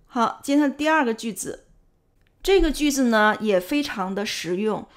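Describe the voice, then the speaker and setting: Woman language teacher, higher pitch, patient step-by-step explainer, casual filler sounds. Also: expressive, normal speed. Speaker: English teacher. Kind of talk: explaining English grammar and pronunciation in Mandarin.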